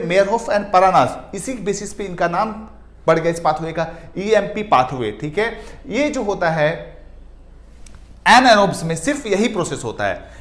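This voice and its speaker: Male biology tutor, high voice, drawls key terms, rhetorical Q&A style. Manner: asks questions and answers them himself; mixes in English terms, stretches key words slowly. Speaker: biology teacher. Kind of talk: exam-prep lecture over slides.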